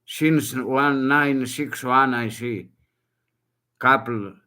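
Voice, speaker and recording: In his own homemade video, an older Greek man issues an urgent appeal to the public, using broken English and short, repeated phrases. He speaks very slowly in a mid-range voice that sounds bright and forceful, with a noticeable Greek accent.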